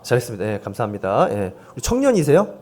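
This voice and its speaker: A man's voice: mid-range voice, wildly swooping pitch, quick pace, a little mellow. A male pastor in his forties, leading a volunteer seminar from the pulpit with jokes and light coaxing of the congregation. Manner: joking, coaxing the congregation, self-deprecating asides. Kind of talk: playful sermon with audience games. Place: church sanctuary, speaking from the pulpit. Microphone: handheld microphone.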